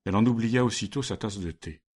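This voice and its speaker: A male narrator with a very deep voice reads a story. His delivery is measured and steady. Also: breathy edge. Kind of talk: scripted narration.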